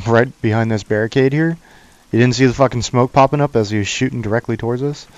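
A man's voice: medium pitch, darkish tone, no echo, highs cut off. A man leading a squad in a shooter game, giving clipped orders in military radio style. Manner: clipped commands, brisk and matter-of-fact. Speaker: squad leader. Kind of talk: military radio procedure over game voice chat.

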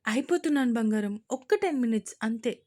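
A woman's voice: fairly high pitch, animated, fairly quick, mellow. A woman voicing a strict young mother who scolds and stammers when caught out, in an audio story.

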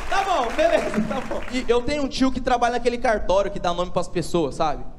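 A young man with a São Paulo state Brazilian accent, telling stand-up stories on stage in an animated, slangy way. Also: very high-pitched, fairly quick, a crowd in the background. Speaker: stand-up comedian. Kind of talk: stand-up comedy storytelling to a live audience. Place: theatre stage, indoors. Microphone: handheld microphone. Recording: noisy live theatre recording with audience.

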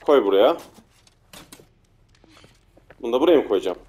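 A man casually commenting on his own gameplay, muttering to himself and getting frantic and loud when chased. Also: medium pitch, lively intonation, moderate pace. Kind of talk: casual let's play commentary.

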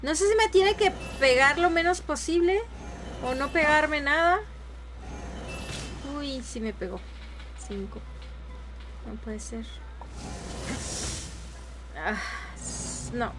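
A woman's voice: high-pitched, animated, slow pace, long pauses, noisy background. A young woman commentating live gameplay, often frustrated and exclaiming to herself and her viewers. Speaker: streamer.

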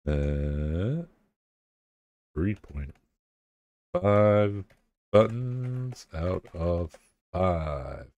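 A young man streams a game and chats casually with his audience, swearing a lot in profane, laid-back banter. His voice is low with big pitch swings and a darkish tone, and it sounds congested and bunged up. He draws out his words and pauses often, and the recording has no echo.

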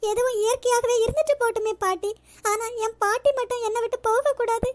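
A woman voicing a gentle young woman in a cartoon, devoted to her grandmother, soft and earnest. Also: very high voice, fairly even intonation, fairly quick. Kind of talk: cartoon voice acting.

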